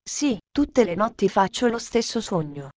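A woman voicing a shy, homesick little girl who speaks softly in a storybook reading. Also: mid-range voice, very animated, unhurried, a crowd in the background. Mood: wistful.

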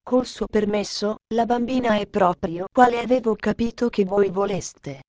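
Brief: a woman reading an insistent aunt smoothing things over, mid-pitched, dry close sound. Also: moderate pace, a little mellow, no room sound, lightly acted. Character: eager adult aunt, pushy and placating.

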